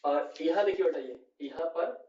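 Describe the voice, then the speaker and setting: A man's voice: a little high, moderate pace, a little mellow, far from the mic. A male chemistry teacher, explaining a lecture at the board and checking again and again that his students follow. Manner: addresses students as "beta", keeps asking "clear?". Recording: echoey room, voice off-mic, dull sound.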